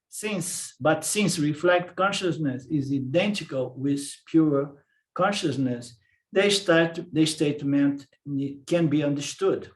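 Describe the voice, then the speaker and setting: Brazilian-accented male teacher, slightly high voice, repeats himself and checks in often. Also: reverberant. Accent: Brazilian Portuguese. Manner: repeats words, asks "okay?" to check understanding. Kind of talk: lecture on Vedanta philosophy.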